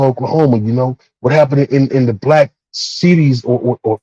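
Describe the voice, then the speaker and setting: A man from Texas takes part in a casual, profane panel discussion, speaking emphatically and repetitively with halting phrasing. His voice is husky, mellow and medium-pitched. The audio is lo-fi, dull, roomy and muffled.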